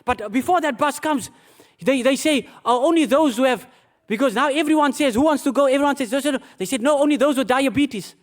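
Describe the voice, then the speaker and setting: In a sermon, a man gives his personal testimony, talking fairly quickly in a very high pitch. Animated and self-deprecating, this pastor keeps calling his listeners beloved.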